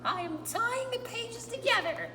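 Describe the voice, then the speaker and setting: A woman's voice: extremely high pitch, unhurried, heavily acted. A woman doing Grover, a frantic fretful monster. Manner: loud, fretful, begging the listener. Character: frantic furry male monster, timid and pleading. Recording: roomy, distant mic, steady hum.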